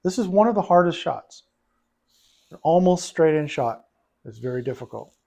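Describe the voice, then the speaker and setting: This billiards coach has a fairly high yet gravelly, dark voice with lively intonation at a moderate pace. In a one-on-one session at the pool table, he explains things patiently and repeats his phrases.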